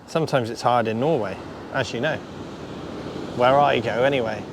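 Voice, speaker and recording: A man's voice: medium pitch, moderate pace. Male angler vlogger, casual and mumbly, outdoors with crashing surf. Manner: chatty, mutters to himself, swears casually. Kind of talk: casual outdoor fishing vlog. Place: shingle beach by the sea, outdoors. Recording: surf noise behind.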